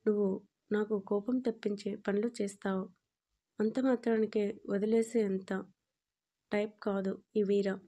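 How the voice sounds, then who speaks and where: A woman reading the lines of a playful, possessive young husband in an audio story, in an even, warm voice. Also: mid-range voice, measured pace, long pauses. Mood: teasing. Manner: playful and doting.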